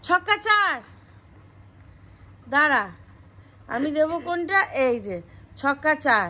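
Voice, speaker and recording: A woman's voice: high-pitched, big pitch swings, slow, sharp tone. A woman chatting casually while playing a board game at home, coaxing and exasperated. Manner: coaxing and exasperated, with frequent sighs. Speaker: family vlogger.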